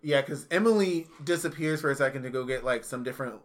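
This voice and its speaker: A man's voice: mid-range voice, quick pace. A man casually retelling a movie plot with friends, rambling and full of "like", often swearing. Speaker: podcast co-host. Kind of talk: casual movie recap chat.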